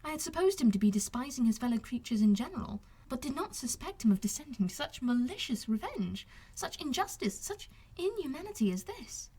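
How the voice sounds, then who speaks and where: A spirited young gentlewoman from a period novel , as a woman reader acts her out. Her voice is pitched high with a husky edge. She speaks formally and emphatically, full of sympathetic indignation. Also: sing-song, a little fast, hardly any pauses, heavily acted. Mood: shocked, indignant. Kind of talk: audiobook character dialogue.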